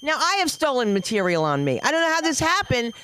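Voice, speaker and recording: Animated older woman comic. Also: sits high, quick pace, a little hiss or hum, poor audio. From Dominican heritage. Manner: animated, shifts voices for characters, exclamatory. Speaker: stand-up comic. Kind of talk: stand-up storytelling. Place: comedy club open mic.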